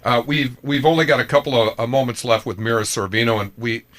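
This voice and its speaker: A man hosting a morning radio show, talking in DJ interview patter with a halting, repetitive delivery. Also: medium pitch, steady tone, fairly bright tone.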